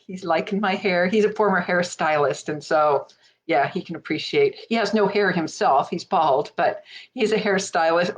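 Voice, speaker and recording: Chatty woman greeting live viewers. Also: on the low side. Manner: chatty, warm greetings, many fillers. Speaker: host of a live stream. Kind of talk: casual chat greeting viewers. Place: home office at her desk.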